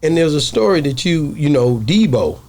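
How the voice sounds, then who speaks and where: A man's voice: fairly high pitch, sing-song, moderate pace, a little mellow. A man hosting a casual interview, chatting in a loose, colloquial way. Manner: colloquial, often says "man". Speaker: interview show host.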